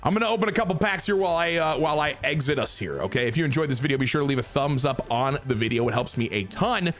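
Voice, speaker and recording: A young man giving excited commentary over his own baseball video game, muttering one moment and shouting the next. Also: on the high side, fast, faint music behind. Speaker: gaming YouTuber. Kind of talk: live gameplay commentary.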